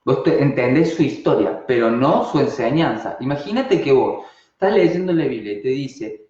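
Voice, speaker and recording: An Argentine man teaching a live online class, full of rhetorical questions that he answers himself. His voice sits at a medium pitch and comes through a slightly dull, roomy video-call recording. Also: moderate pace. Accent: Argentine Spanish. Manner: animated, asks rhetorical questions and answers them.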